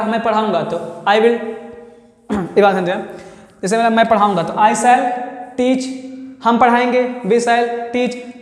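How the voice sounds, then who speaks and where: A male teacher giving a grammar lesson in a classroom, asking questions and answering them himself while repeating key words. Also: high voice. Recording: echoey room with long reverb.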